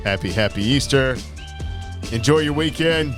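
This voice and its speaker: A man's voice: mid-range voice, normal speed, music in the background. A man hosting a casual sports talk show, joking and bantering with his co-hosts. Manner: lively, joking sign-off banter.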